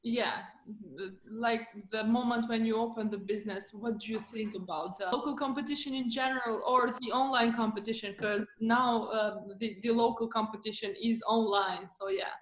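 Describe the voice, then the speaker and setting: Albanian-accented female interviewer on a roomy video call, halting delivery with lots of "uh". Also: on the high side, steady tone. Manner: hesitant, many fillers. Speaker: interviewer, business coach.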